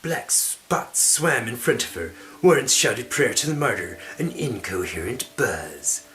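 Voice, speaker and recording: A man delivers dramatic narration of a fantasy novel like a stage performance. His reading is hammy and theatrical, at a very unhurried pace. Music runs underneath. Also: medium pitch, animated, fairly bright tone. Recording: music behind the voice.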